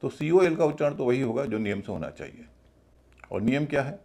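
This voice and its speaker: A man's voice: medium pitch, lively intonation, fairly quick, warm tone. A man teaching English pronunciation in a video class, explaining each rule step by step and spelling words out letter by letter.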